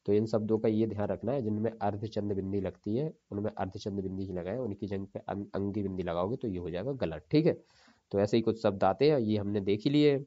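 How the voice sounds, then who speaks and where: A man teaching Hindi spelling for an exam, repeating each word slowly and checking in with his students. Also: on the low side, warm tone, lo-fi sound.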